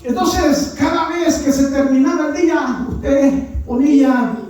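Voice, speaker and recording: A man's voice: very high-pitched, takes it slowly, a little mellow. A man preaching a conversational sermon as pastor. He keeps adding tag questions and sometimes raises his voice. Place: church. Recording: very echoey church hall, distant mic.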